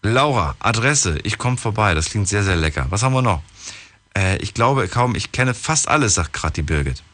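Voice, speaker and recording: A man's voice: fairly low pitch, animated, moderate pace, fairly bright tone. A young man hosting a casual radio call-in show, reading listener emails aloud and chatting with callers.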